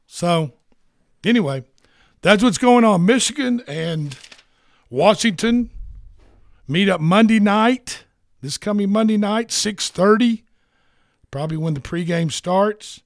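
A man's voice: sits high, animated, slow pace, vocal fry, long pauses, no room sound, clean studio sound. A man hosting a sports radio show, chatting casually and rambling with repeats.

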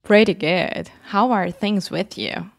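A woman's voice: medium pitch, takes it slowly, creaky. Encouraging woman co-hosting a lesson. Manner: practices dialogues, adds encouraging remarks. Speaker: co-host. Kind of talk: bilingual lesson chat.

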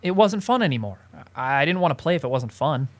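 A man's voice: fairly high pitch, lively intonation, fast talker. A young man in a student radio drama playing a shy, anxious teenage boy who stammers and pleads. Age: young adult. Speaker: nephew.

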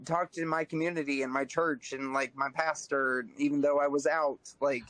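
A man's voice: a little high, steady tone, normal speed, a bit bright, no room sound, rough recording. A man in his thirties in casual group chat, telling his story easygoingly with stammered restarts.

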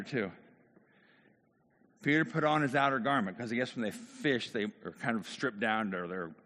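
A man preaching a conversational sermon, telling the story casually with many restarts and asides, in a church hall. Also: medium pitch. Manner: casual, animated storytelling, self-interrupting. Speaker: pastor. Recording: long hall reverb.

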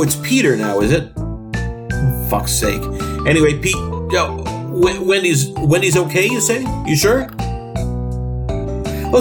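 A man's voice: mid-range voice, close to an everyday voice. A man playing a flustered radio host. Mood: sheepish. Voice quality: flustered, stammering. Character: jittery male radio host, easily spooked. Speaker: late-night radio host. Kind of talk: comedic audio drama acting. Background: music.

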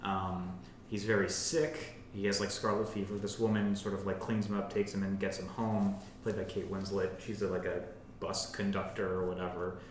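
A man's voice: level tone, normal speed. A man hosting a casual film podcast, summarizing a plot and filling his talk with "like" and "um". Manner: filler-heavy, says "like" constantly. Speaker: podcast host. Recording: very echoey room, faint rumble.

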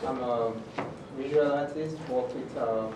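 A man from Nigeria quietly introducing himself at a group meeting, halting as he speaks. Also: medium pitch. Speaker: newcomer at meeting. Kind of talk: casual self-introduction. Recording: echoey room, mic far off, loud noise.

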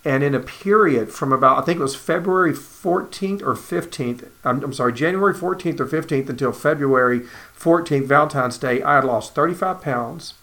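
A man's voice: a little high, moderate pace, sharp tone. A man, earnestly telling his own cancer story as personal testimony and acting out the dialogue.

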